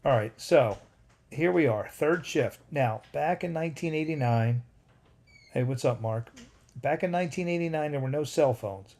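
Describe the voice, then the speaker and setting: A man in his fifties talks on a casual home livestream. His voice is gravelly and dark. He rambles through an old story and keeps stopping to say hi to viewers in the chat. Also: a little high, moderate pace. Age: 50s. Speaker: livestream host.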